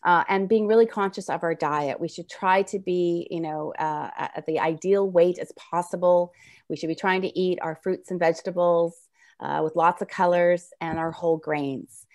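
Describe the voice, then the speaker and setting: A woman's voice: on the low side, fairly even intonation, moderate pace. Woman presenter with slushy s sounds. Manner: slurred, slushy s sounds from wearing braces. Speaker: registered nurse presenting a health webinar. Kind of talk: informal lecture over slides. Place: indoor room, video call.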